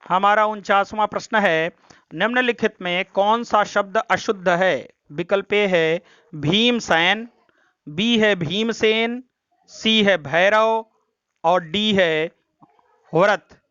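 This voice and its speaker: A man's voice: high-pitched, slow pace, sharp tone, clean tone, no echo. A man teaching Hindi grammar in an exam practice lesson, going through each option step by step and repeating the corrections. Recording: dry, dull lo-fi sound.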